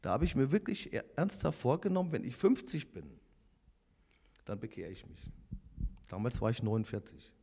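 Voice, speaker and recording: Warm, husky and creaky, this man's medium-pitched voice moves in big pitch swings at normal speed, pausing often. He's a lay preacher in his fifties offering an earnest, confessional testimony straight to the congregation, recorded with long hall reverb.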